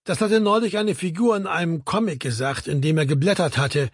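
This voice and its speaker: A man reading a novel excerpt as an audiobook, lively and voicing the dialogue. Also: fairly high pitch, brisk, slightly rough, no echo, studio quality. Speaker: audiobook reader.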